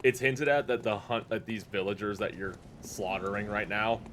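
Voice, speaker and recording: A man's voice: lowish voice, fairly even intonation, normal speed, a bit bright, slight background noise. A man casually recapping a video game's story for his friends, talking hesitantly with frequent restarts and fillers. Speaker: gameplay co-host recapping lore. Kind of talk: casual let's-play chat.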